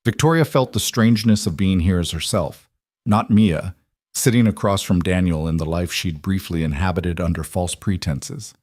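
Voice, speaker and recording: A man reading a scripted story aloud in an even, measured way. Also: sits low, no room sound, clean studio sound. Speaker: narrator. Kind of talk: scripted audiobook narration.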